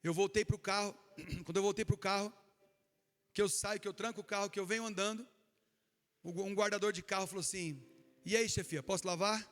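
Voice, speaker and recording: Fast, high-voiced preacher telling a story. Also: male voice, long reverb tail. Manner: animated, emotional storytelling. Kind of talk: sermon storytelling.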